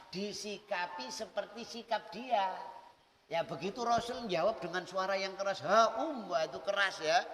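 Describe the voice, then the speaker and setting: A man's voice: on the high side, slight background noise. A middle-aged man with an East Javanese accent, giving a sermon and explaining Arabic phrases word by word in a folksy manner. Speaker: religious teacher. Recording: echoey hall, voice from far off.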